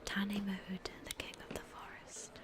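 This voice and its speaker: Here a New Zealand-accented woman whispers unhurriedly, offering calm, soothing ASMR narration about travel.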